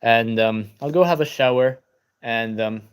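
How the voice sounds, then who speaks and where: A tired young adult from Malta, whose first language is Maltese, answers viewer comments in a casual book channel livestream at his home laptop. His medium-pitched voice is clear and resonant at a measured pace; he's relaxed, says um often, and greets people by name.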